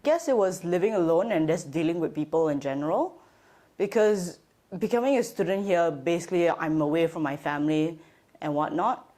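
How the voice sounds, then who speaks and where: A woman's voice: lowish voice, lively intonation, normal speed, warm tone. A young woman from Malaysia, a fashion management student, answering interview questions casually with fillers. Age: young adult.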